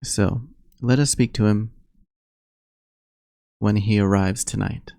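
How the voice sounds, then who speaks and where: A man voicing a thoughtful, cautious woman adventurer with an Eastern European accent, deliberate in speech. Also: fairly low pitch, steady tone, creaky, mellow, no room sound, studio quality.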